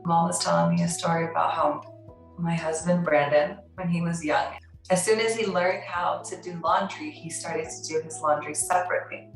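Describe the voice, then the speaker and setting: Low woman telling stories in an echoey room. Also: moderate pace, vocal fry, distant mic, soft background music. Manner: animated retelling with quoted voices. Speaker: family member interviewed. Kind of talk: storytelling interview.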